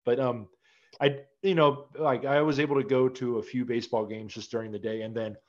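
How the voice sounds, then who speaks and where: A man's voice: medium pitch, steady tone, brisk. Laid-back guy, dull lo-fi audio. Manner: laid-back, filler-heavy rambling. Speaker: podcast host. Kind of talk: casual sports chat.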